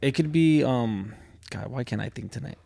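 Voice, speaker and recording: A man's voice: mid-range voice, lively intonation, moderate pace, gravelly, warm tone. A man hosting a podcast, talking casually and laid-back, with slang and lots of "bro". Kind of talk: casual chat.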